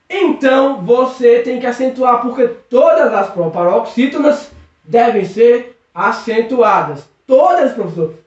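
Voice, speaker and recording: A man teaching a recorded video lesson, patiently drawing out syllables and checking in with "okay?" again and again. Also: extremely high pitch. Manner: patient, drawn-out stressing of syllables, constant check-ins. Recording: echoey room, distant muffled mic.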